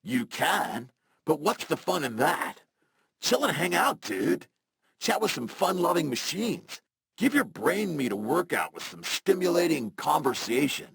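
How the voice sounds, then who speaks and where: A man's voice: on the high side, very animated, unhurried, creaky, fairly bright tone, a little hiss or hum, exaggerated voice. A man voicing a laid-back, friendly male robot in a video game, with a robotic filter on his voice and a casual, slangy way of talking. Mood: mellow.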